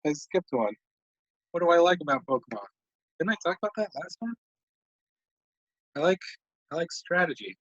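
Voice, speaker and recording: A man's voice: a little high, sing-song, normal speed, long pauses, fairly bright tone, no room sound. A man giving rambling, self-mocking casual commentary while playing a video game. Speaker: let's play commentator. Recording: dull lo-fi dry mic.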